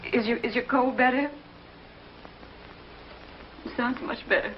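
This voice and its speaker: An actress playing a lonely, desperate woman on the phone to the lover who left her, tearful, halting and stammering in 1950s television drama style. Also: on the high side, slight background noise, lightly acted. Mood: pleading. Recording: muffled old TV broadcast with music.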